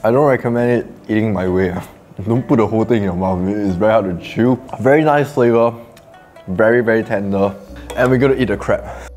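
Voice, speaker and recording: A man's voice: fairly low pitch, a little fast, darkish tone, faint music behind. A young man, chatting enthusiastically as a food vlogger while chewing with his mouth full. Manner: chatty, enthusiastic, frequent "okay". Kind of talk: casual mukbang vlog.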